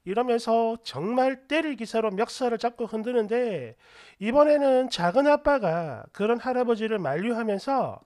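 A woman's voice: on the high side, lively intonation, moderate pace, a little mellow. Chatty woman narrating a family story. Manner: chatty, indignant.

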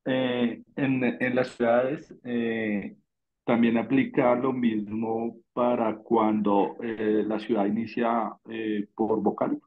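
A man's voice: mid-range voice, flat delivery, slow pace, narrow, tinny audio. A man in an online class who asks the teacher questions hesitantly, with many fillers. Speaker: student.

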